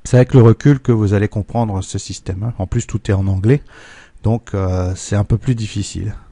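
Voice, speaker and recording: A man teaching a technical lesson, walking through a correction step by step, patiently checking that his students follow and slowing down on numbers. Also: lowish voice, steady tone, warm tone, dry recording. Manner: patient, checks in with "d'accord?" and "hein"; slows down to spell out numbers and steps. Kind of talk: screen-recorded lesson correction.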